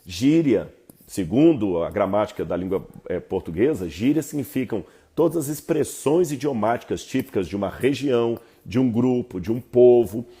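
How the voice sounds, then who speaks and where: Husky, mellow Brazilian man teaching. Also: mid-range voice, moderate pace. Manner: animated, asks listeners rhetorical questions. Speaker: Bible teacher. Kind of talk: explanatory teaching talk to viewers.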